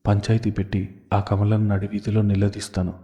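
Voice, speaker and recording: A man's voice: fairly low pitch, monotone, normal speed, dark tone, close to an everyday voice. Man voicing a fierce old grandmother. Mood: angry. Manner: scolding, agitated. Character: old village grandmother, anxious and fiercely protective. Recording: dull lo-fi audio.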